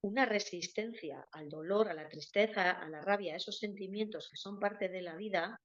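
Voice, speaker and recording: Woman co-host on a dull lo-fi track, middle pitch, short replies that turn emphatic. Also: moderate pace. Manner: brief back-channel replies, then emphatic. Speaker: podcast co-host. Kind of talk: casual conversation. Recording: slightly dull lo-fi sound.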